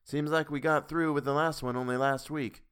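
A man's voice: on the high side, fairly even intonation, moderate pace, fairly bright tone, clear, resonant tone, voice pushed up, natural voice. A man voicing a chatty, gossiping village woman.

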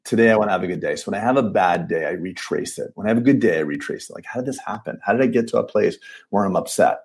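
Husky-voiced man in his late forties. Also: fairly low pitch, lively intonation, rapid-fire, a little mellow. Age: 40s. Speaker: dentist guest. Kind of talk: casual podcast conversation.

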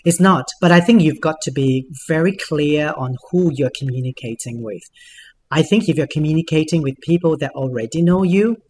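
A man speaking as an interview guest, giving conversational answers in a deliberate, halting way with repeated words. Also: fairly high pitch, darkish tone. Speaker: podcast guest, business events executive. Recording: clear background noise.

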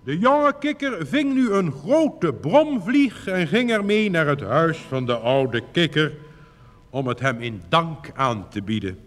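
Male storyteller reading a fairy tale, very slow, lively pitch, long reverb. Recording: reverberant recording with faint hiss.

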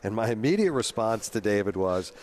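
A man's voice: on the low side, very animated, fairly quick, a little mellow. Chatty man hosting live radio. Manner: chatty, laughs easily, rambling asides. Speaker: radio host.

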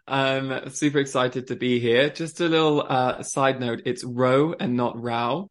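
A man's voice: medium pitch, steady tone, a little slow. A man who grew up in France, a guest on a podcast, talking openly and casually with lots of fillers. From born in Switzerland, grew up in France. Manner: open and chatty, frequent ums and fillers. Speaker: podcast guest, limiting belief coach. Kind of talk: casual conversational storytelling.

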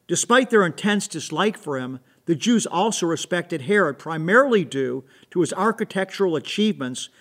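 A man with a notably high voice hosts and introduces the story. He reads his scripted lines in an informative, direct way. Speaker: host.

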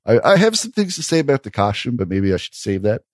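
A man co-hosting a podcast, talking in a thoughtful, wry way with frequent "uh" pauses. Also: mid-range voice, big pitch swings, no echo, studio quality. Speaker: podcast co-host reviewing sketch comedy. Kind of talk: casual chat.

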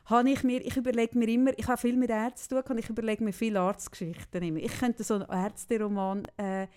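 A woman with a Swiss German accent chats casually and spins everyday anecdotes. She acts out both sides of a conversation as she goes. Her voice sits somewhat high. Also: fast, smooth. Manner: lively storyteller, acts out dialogue in anecdotes. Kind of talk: casual chat.

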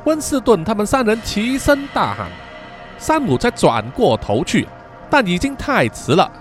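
High, lively male horror storyteller. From Southeast Asia. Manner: suspenseful, expressive. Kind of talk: dramatic story narration.

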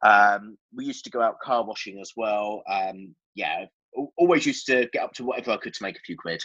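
A man's voice: fairly low pitch, a little fast, a bit bright, highs cut off. A man with an Essex accent giving candid, explanatory answers as a guest in a conversational interview. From Essex, England. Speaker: podcast guest, business owner.

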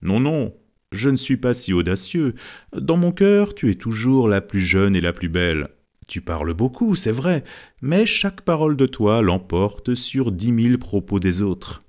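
A man's voice: mid-range voice, measured pace. A man voicing a joking, gallant middle-aged husband in an audiobook. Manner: joking, flattering.

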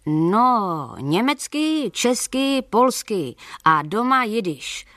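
A woman's voice: a little high, big pitch swings, a bit bright, dry recording, studio quality, pitched above the performer's own voice. A woman voicing a sly, poor older male peddler who talks in a wheedling way, mixing in German and Yiddish words.

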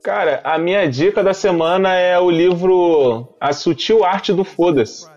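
A man's voice: high-pitched, measured pace, a little mellow, highs cut off. A man with a Brazilian Portuguese accent hosting a casual podcast in a slangy, informal way. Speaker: podcast host.

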